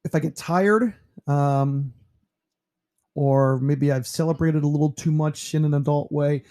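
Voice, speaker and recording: A man of about fifty from New York, a teacher narrating a slideshow about himself in a relaxed, rambling way with lots of fillers. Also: on the high side, a little slow. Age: 50s.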